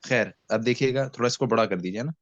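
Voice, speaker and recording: A man teaching beginners Arabic in an online class, speaking with an Indian accent and patiently having students repeat words after him while fasting with a headache. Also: mid-range voice, no echo. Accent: Indian Hindi-Urdu. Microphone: video call. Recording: dull lo-fi video call audio.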